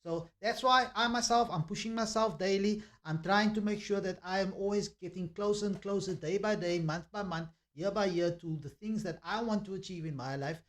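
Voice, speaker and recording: A man talking through a preachy commentary monologue. His voice sits a little high, and he circles back over his points with plenty of ums and uhs. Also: normal speed, few pauses, fairly bright tone. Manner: preachy, repetitive, with many fillers.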